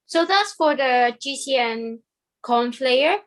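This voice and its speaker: A woman's voice: high voice, expressive, slow, rough recording. A woman in an online study group patiently explaining a coding question over a video call, with casual fillers.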